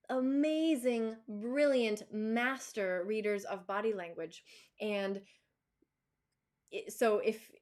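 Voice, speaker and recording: A woman dog trainer answering viewer questions in a casual live chat, talking loosely with many fillers and restarts and laughing easily. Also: medium pitch.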